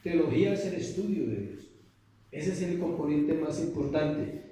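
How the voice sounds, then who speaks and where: A man's voice: fairly high pitch, normal speed, dark tone, a little hiss or hum. A man preaching a sermon as pastor, emphatic, throwing questions to the congregation and answering them himself. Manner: emphatic call-and-response preaching. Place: church hall. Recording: echoey church hall from far off.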